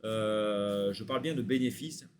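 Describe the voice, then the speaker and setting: A man talking casually to his viewers with lots of hesitant fillers, rattling off long lists in a relaxed way. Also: lowish voice, unhurried, a little hiss or hum. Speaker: crypto YouTuber. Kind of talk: casual to-camera talk.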